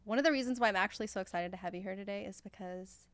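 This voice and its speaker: Enthusiastic female podcast host from the Midwest, chatty and warm-hearted interviewer, dry studio sound. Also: mid-range voice, racing, dry recording. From American Midwest. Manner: bubbly, enthusiastic, says "like" often.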